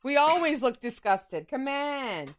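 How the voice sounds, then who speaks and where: A high-pitched woman with a Long Island accent talks to her viewers as she bakes. She chats casually, greets people by name and wanders into rambling asides between steps. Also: very animated, measured pace, noisy background. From New York. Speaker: livestreamer baking on stream. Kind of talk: casual chat while baking.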